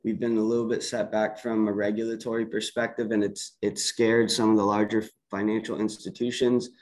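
A man talking casually on a video call, halting with many fillers, losing his voice. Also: lowish voice, flat delivery, a little mellow. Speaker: project team member on community call.

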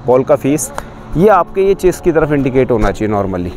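This man in his thirties coaches cricket in a spoken tutorial, showing a ball grip as he explains bowling grips step by step outside. He has a medium-pitched, darkish voice with a sing-song lilt and a normal pace. Soft background music accompanies the lapel-mic recording from a camera facing him.

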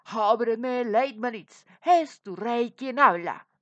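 Woman doing a bossy king, loud and raised, slow dramatic delivery, dry close sound. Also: on the high side, big pitch swings, no echo, dull audio, heavily acted. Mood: commanding. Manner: commanding, exclaiming. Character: proud demanding man king, pained and loud.

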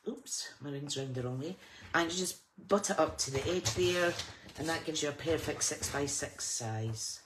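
Casting: woman craft host, deep voice, whistly s, rambling informal delivery, clear background noise. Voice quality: whistling sibilant s sounds when speaking. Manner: informal, rambling, self-interrupting with small asides and sing-song filler. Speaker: host of a live papercraft class. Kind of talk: chatty live craft tutorial. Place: at a craft table indoors. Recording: clearly noisy with clicks.

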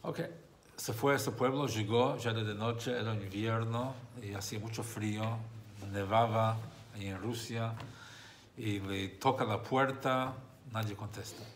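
A man's voice: lowish voice, fairly even intonation, a little slow, slight background noise. A man, a rabbi, teaching a religious text class, who explains by repeating and rephrasing his points and tells a story along the way.

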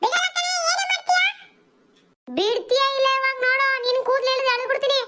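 Squeaky cheeky village bully boy, super bright tone, boastful slangy taunts. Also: lively intonation, fast, exaggerated voice. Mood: taunting.

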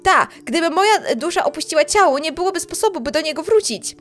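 A woman's voice: extremely high pitch, lively intonation, fast, soft background music, voice pushed up. A woman voicing a selfish young ghost witch girl in a game, whiny, petulant and pushy. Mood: bratty.

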